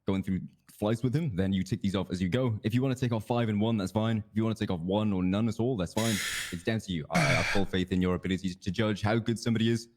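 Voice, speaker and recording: A man's voice: lowish voice, a little mellow. A man explaining procedures in an in-character police roleplay chat, easygoing and happy to delegate. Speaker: police roleplay streamer briefing a trainer.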